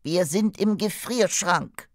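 A woman voicing a cheeky, practical young male fly in a storybook radio play, talking briskly and teasing. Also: lowish voice, no room sound, studio quality.

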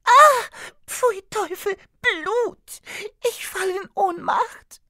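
A woman voicing an excitable young female wasp who is dreamy and squeamish, in a storybook radio play. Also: fairly high pitch, measured pace, husky, no room sound, studio quality, full character voice. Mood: shrieking. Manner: dreamy, then shrieking and frightened.

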